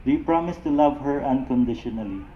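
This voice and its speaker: A man officiating a wedding, putting formal vow questions in deliberate phrases. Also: mid-range voice, animated. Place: wedding ceremony, over a sound system. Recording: echoey, thin phone-like sound, faint noise.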